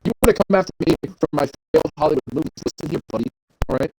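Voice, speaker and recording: Man, brash promo heel, husky tone with a raised pitch, boastful trash talk. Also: racing, darkish tone, low-quality recording. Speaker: wrestling promo role-player. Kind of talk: wrestling promo role-play.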